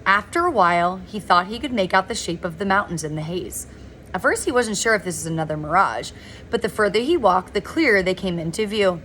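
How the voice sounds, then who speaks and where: A woman reading a novel aloud in a relaxed, informal way, now and then stumbling over words and correcting herself. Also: mid-range voice, a little fast, a little hiss or hum. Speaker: reader of a novel. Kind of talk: informal read-aloud narration.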